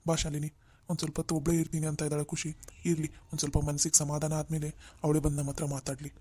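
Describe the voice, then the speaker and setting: A man's voice: on the high side, monotone, quick pace, mellow, husky. A man voicing a stern middle-aged father in a cartoon family drama, blaming and lecturing.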